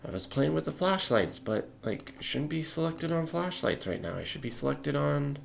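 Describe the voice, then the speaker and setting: A man's voice: on the high side, sing-song, normal speed, gravelly, a little hiss or hum. A man live-streaming his 3D work, frustrated and tired from too little sleep, muttering to himself and talking to his chat. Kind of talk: casual live-stream commentary while working.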